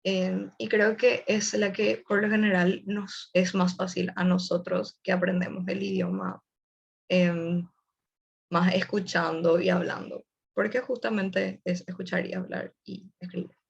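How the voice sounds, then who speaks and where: Young woman with creaky voice explaining online. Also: lowish voice, flat delivery, measured pace, muffled recording. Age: young adult. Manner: explanatory, casual, addresses the audience directly. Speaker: webinar presenter. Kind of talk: online webinar presentation.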